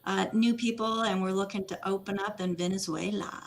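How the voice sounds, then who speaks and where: A woman's voice: mid-range voice, steady tone, brisk, slight background noise. A woman on the show team speaking casually and matter-of-factly as she reports back. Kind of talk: casual radio show chat.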